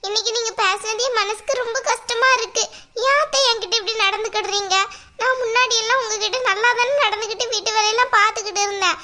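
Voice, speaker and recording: A woman plays a meek young daughter-in-law in a cartoon. Her voice is very high and bright. She pleads softly and tearfully with her stern mother-in-law. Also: fairly even intonation, fast talker. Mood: pleading. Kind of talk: cartoon voice acting.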